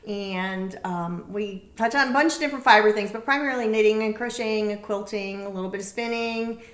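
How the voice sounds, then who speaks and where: An American woman hosts a podcast in an easy, chatty style. Her voice is croaky and froggy with stuffed-up sinuses, and it sits in an echoey room at a middling pitch. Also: brisk, fairly bright tone. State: congested sinuses. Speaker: podcast host. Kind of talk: casual chat on a knitting video podcast.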